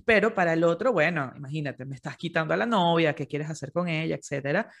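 Male psychologist, gravelly voice, explains client cases in easy conversation. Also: a little high, fast talker, a bit bright. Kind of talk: casual conversation.

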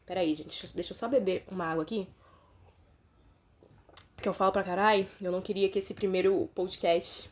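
A woman in her thirties from Brazil hosts a solo podcast, with a Rio de Janeiro state accent. She is animated and emphatic, and she speaks straight to her audience. Her voice sits at a middle pitch. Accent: Brazilian Portuguese, Rio de Janeiro state. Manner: animated, emphatic, talks to listeners directly. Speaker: podcast host and teacher.

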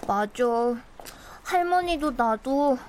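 A woman voicing a young boy who misses his father, in a radio drama, speaking softly and wistfully. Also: high-pitched, lively intonation, slow, slight background noise.

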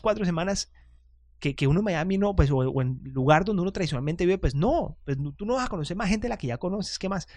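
A man's voice: sits high, a little mellow, no echo, studio quality. A chatty man hosting a casual podcast monologue, self-deprecating and often restarting his sentences. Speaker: podcast host.

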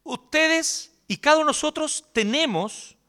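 A man with a Chilean accent, a pastor preaching a sermon in an animated, joking, colloquial way. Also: very high-pitched, a little slow.

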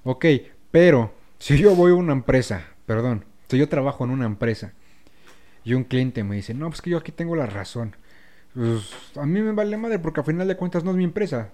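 A man's voice: fairly high pitch, dark tone. A young man with a Mexican accent in a casual chat, laid-back, agreeing and then arguing his point. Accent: Mexican Spanish.

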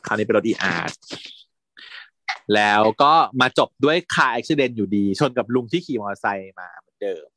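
A man's voice: fairly low pitch, moderate pace, no room sound. A man co-hosting a podcast, casually retelling drama scenes and acting out the quoted lines. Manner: animated storyteller, acts out quoted lines in raised voice. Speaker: podcast co-host recapping a drama series.

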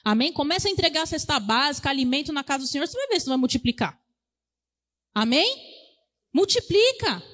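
A woman preacher, delivering a sermon and exhorting the congregation, calling for amens and rising to loud declarations. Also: high-pitched, big pitch swings, brisk, long pauses, in a large hall. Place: church.

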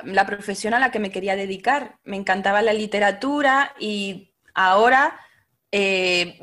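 A woman's voice: fairly high pitch, a bit bright. A woman, a teacher speaking as a podcast guest, thoughtful and often hesitating. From Spain. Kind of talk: casual interview talk.

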